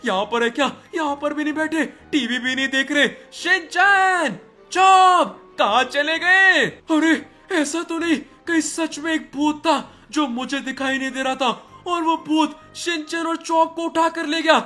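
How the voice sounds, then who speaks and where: A man voicing a tired, grumpy older brother in a game role-play dub, gruff and dismissive. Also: very high-pitched, steady tone, normal speed, hardly any pauses, soft background music. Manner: gruff and dismissive, calling out loudly. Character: tired grumpy big brother, later worried.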